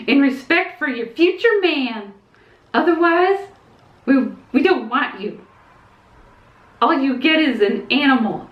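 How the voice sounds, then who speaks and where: A shrill, preachy commenter lecturing women in an odd put-on accent, the words stretched and scolding, as a woman mocks the speaker. The voice sits high above her normal pitch and has a strained edge. The sound is echoey and slightly dull, with a faint hiss underneath. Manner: scolding, drawn out.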